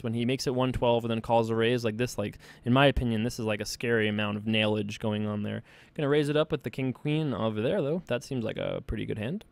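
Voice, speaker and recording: A man hosting his own poker series, thinking aloud in a relaxed, joking way while he plays hands online. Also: mid-range voice, vocal fry, dry recording. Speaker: poker player and show host. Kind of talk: casual online poker commentary. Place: home desk setup.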